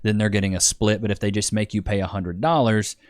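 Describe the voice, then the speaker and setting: A man's voice: on the low side, fairly even intonation, brisk, no room sound, clean studio sound. A man co-hosting a casual reaction chat, blunt and opinionated, often calling the others "bro" and "dude". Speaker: co-host reacting to clips.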